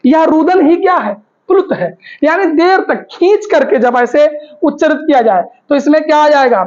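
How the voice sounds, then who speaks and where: In a Hindi grammar lesson, a woman quizzes the class and then supplies the answers herself, going over the key terms again and again. Her voice is high-pitched and animated with a somewhat dark tone, at a moderate pace, and the recording sounds dull and lo-fi.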